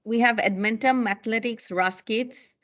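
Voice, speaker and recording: A woman's voice: a little high, a little slow. Woman teacher on a dull video call. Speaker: homeroom teacher. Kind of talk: online parent meeting.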